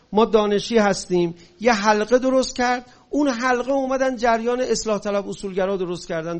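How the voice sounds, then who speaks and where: A man with a notably high voice delivers an impassioned religious and political lecture. His steady explanations keep building into forceful, raised passages to hammer his points home. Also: gravelly. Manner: rises to forceful shouting on key points. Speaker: speaker.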